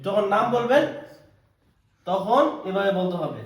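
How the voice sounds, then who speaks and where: A man's voice: high voice, a little slow. A man teaches a class. He repeats each word patiently so the students catch the pronunciation. The sound comes from an echoey classroom. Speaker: language teacher. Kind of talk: classroom lesson.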